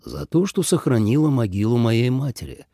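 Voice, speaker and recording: A man voicing a self-assured male god of war who asks plain, blunt questions in a somewhat lowered voice in an audiobook. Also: lively intonation, moderate pace, mellow, no echo, studio quality, close to an everyday voice. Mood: calm.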